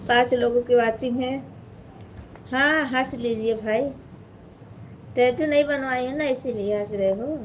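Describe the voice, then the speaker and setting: A woman hosting a casual live stream, chatting slowly with viewers and greeting them by name, with an Awadhi-tinged Hindi accent. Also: fairly high pitch, slight background noise, rough recording. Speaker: livestream host.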